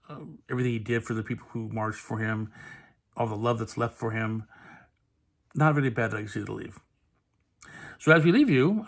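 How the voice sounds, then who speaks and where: A man with a gravelly, fry-tinged voice at an ordinary middle pitch speaks a casual tribute. He talks softly and reflectively, pausing often with fillers as he gathers his thoughts. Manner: halting, with many fillers; soft-spoken and reflective. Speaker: channel host.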